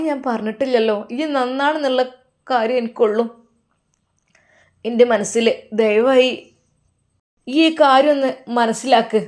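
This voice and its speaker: A woman's voice: on the high side, a little mellow, natural voice. A woman voicing a young daughter-in-law who complains tearfully, speaking with a Malappuram Malayalam accent. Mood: aggrieved. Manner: tearful, whining, accusing.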